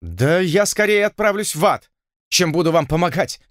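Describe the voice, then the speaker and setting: A man voicing a haughty, high-strung English lord, the king's envoy, who talks in an indignant, pompous way. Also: lively intonation, normal speed, dry recording, clean studio sound, lightly acted. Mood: panicky.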